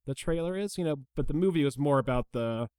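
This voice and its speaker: A man's voice: a little high, lively intonation, quick pace, a little mellow, clean tone, no echo, clean studio sound. Stammering man hosting a movie chat. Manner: stammering restarts, eager questions. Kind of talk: casual movie review chat.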